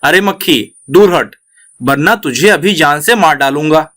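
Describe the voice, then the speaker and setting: Storybook lion king, male, proud and quick to anger, gruff threats, slightly high voice, read by a man. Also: expressive, sharp tone. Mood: angry. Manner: gruff threats, later weary surrender.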